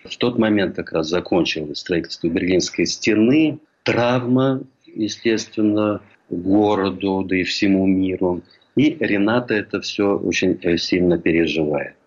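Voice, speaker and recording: An older man from St. Petersburg telling a measured, reflective memoir as a historian recalling a colleague. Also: deep voice, a little mellow. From Russia, St. Petersburg. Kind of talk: memoir lecture. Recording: dull lo-fi recording.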